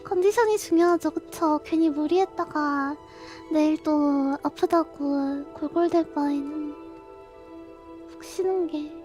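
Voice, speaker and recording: A young woman streams in a very high, girlish voice with a cute anime-streamer sweetness. She chats casually with viewers at a slow, unhurried pace. Faint music plays behind her. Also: dark tone. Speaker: live streamer signing off.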